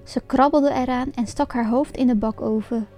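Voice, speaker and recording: A woman reading a fairy tale aloud as a storyteller, in a lively and expressive storybook manner. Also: on the high side, moderate pace. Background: faint music.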